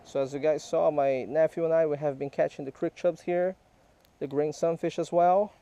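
A man with a fairly high, mellow voice keeps a steady tone and moderate pace while patiently coaching a child and quizzing them during a fishing trip. The fishing vlogger is outdoors by a small park creek, wearing a head-mounted action camera.

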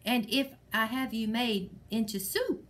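A woman's voice: fairly high pitch, measured pace, natural voice. A woman voicing a grumpy, bossy male mayor who snaps and scolds in a storybook reading. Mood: exasperated. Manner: snapping, scolding, exasperated. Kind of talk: reading a picture book aloud.

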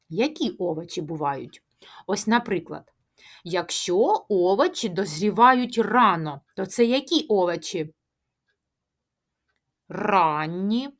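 A woman teaching a speech lesson to preschoolers, asking questions, answering them herself and chanting tongue twisters slowly. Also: medium pitch. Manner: sing-song, drawn-out tongue-twister chanting. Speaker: kindergarten teacher.

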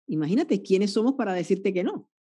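A woman's voice: mid-range voice, lively intonation, a little fast, mellow, husky. A middle-aged woman hosting an interview, asking questions in a friendly way and adding asides. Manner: friendly, prompts guest with asides. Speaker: host. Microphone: podcast mic on a stand.

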